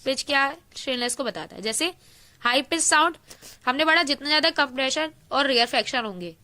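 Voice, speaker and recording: A woman with a high-pitched, bright voice teaches an online class. She keeps asking her students a question and then answering it herself. Definitions come out slow and deliberate. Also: expressive. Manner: explains in Hindi mixed with English terms, reads English definitions slowly.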